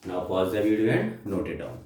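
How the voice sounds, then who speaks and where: Male, physics teacher, mellow, rhetorical questions, classroom lecture, very echoey room. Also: low-pitched, big pitch swings, very slow. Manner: calls students "beta", asks and answers own questions, mixes English.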